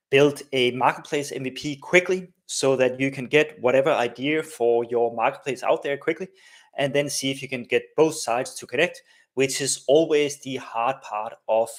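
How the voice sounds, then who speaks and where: Speaking in a mid-range voice, a chatty Danish host walks viewers through his live coding stream in a casual way. He leans heavily on fillers and tag questions.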